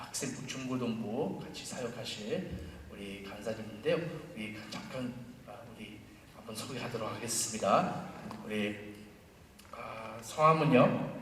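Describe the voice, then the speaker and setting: A male pastor addressing his congregation during a church service, with halting pauses and swells from quiet to loud. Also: fairly low pitch. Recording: very echoey hall, distant, noisy congregation behind.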